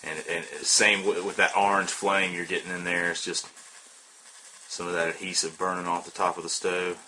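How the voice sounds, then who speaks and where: A man with a Southern US drawl walks through a casual how-to demo in a relaxed, meandering way, dropping uh and um between thoughts. His voice has a bright, forward edge, and a little faint noise sits under it. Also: deep voice, moderate pace. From Southern United States. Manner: relaxed and rambling, with frequent uh and um fillers. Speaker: outdoor gear hobbyist demonstrating a stove.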